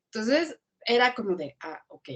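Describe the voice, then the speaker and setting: A woman with a Mexican accent telling a lively story as a guest on a video call, in an animated way. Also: fairly high pitch, a little slow, husky, dull audio. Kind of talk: storytelling in an online class interview.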